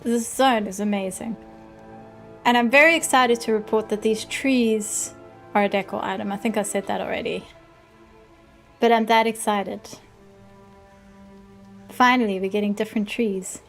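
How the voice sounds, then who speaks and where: A woman's voice: medium pitch, steady tone, normal speed, pauses often. A woman livestreaming a game, giving casual commentary and reading quest dialogue aloud. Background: game music.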